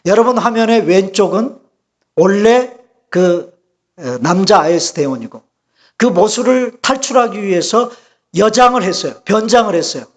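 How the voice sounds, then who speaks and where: A male pastor delivering a Sunday sermon, his voice sitting high for a man. He keeps turning to the congregation with rhetorical questions, pushing his voice up and louder on his key points. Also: animated, moderate pace.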